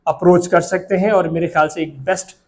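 With a Pakistani Urdu accent and a brisk pace, a young adult real estate agent explains property prices to camera, keeping his sales pitch steady. The recording comes from a lapel mic in an office.

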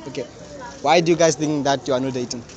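A medium-pitched, steady and somewhat dark voice belongs to a young South African man doing street interviews at night with a handheld mic. Amid the outdoor crowd noise, he's fast and playful, with "okay, okay" coming up constantly.

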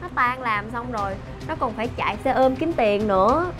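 A woman's voice: a little high, lively intonation, moderate pace, close to an everyday voice. Woman playing a flirty cheating wife. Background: background music.

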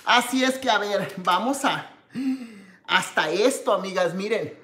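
A woman's voice: medium pitch, expressive, a little slow, a bit bright, echoey room. A woman from Mexico hosting a live cooking stream, tasting her dish with contented hums and greeting viewers by name. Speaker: cooking show host.

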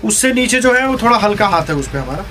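A man who owns a jeans shop, giving a sales pitch and listing prices, fabrics and sizes as he shows each item. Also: sing-song, fast, bright, forceful tone, slight background noise. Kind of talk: sales pitch showing products. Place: garment shop.

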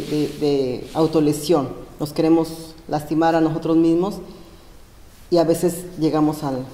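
A woman's voice: sits low, dark tone. Hesitant woman from Mexico in echoey gym. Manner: hesitant, many fillers and restarts. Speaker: panel guest. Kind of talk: explaining a health topic. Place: large school gym. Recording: roomy echo, long gym reverb.

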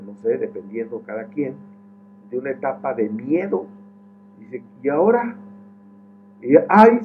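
A middle-aged man preaching a sermon, speaking conversationally with asides and repeated words. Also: medium pitch. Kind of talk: sermon, Bible teaching. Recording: tinny phone-like sound with faint hum.

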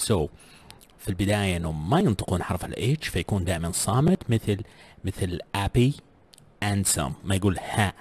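A man with a slightly husky voice giving a casual language lesson, explaining pronunciation with spoken examples and English words mixed in. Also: low-pitched, a little mellow. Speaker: language teacher.

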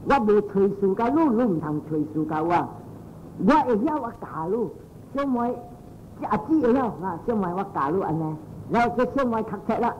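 A Buddhist monk giving a dharma talk, telling stories and repeating his phrases in pairs, with English phrases mixed in. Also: darkish tone. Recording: muffled with faint noise and low rumble.

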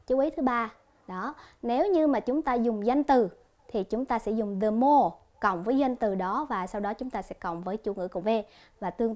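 A female English teacher gives a televised lesson, speaking clearly and deliberately and repeating each example word slowly. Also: fairly high pitch. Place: TV studio.

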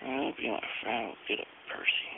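A man's voice: medium pitch, lively intonation, moderate pace, vocal fry. A man talking in his sleep, mumbling short, drowsy, childlike answers, often half-whispered. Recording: noisy, hissy, tinny phone-like home recording.

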